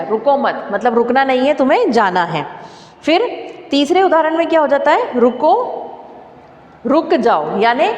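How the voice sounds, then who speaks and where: A woman's voice: high-pitched, dull audio. Teacher woman in an echoey room. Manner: explains slowly, repeating examples and asking questions. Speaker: school teacher. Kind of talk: classroom grammar lesson. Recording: echoey room with long reverb.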